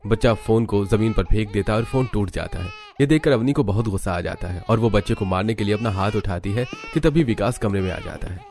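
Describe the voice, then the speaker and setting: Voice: sits low, a little fast, few pauses. एक कथावाचक एक हिंदी कार्टून कहानी को लिखे हुए अंदाज़ में, सधे सुर में सुनाता है।. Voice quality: even, storytelling. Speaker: narrator. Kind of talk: scripted story narration.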